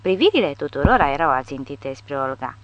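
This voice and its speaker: A woman reading an audiobook with lively storytelling. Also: low voice, no room sound, lo-fi sound. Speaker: audiobook narrator. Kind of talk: audiobook narration.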